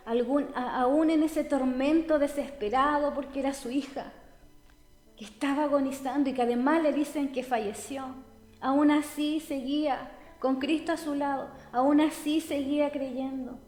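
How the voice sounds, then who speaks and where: A woman's voice: sits high, fairly even intonation, measured pace. A woman preaching a sermon, speaking earnestly and addressing listeners directly. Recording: echoey hall with soft music. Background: soft background music.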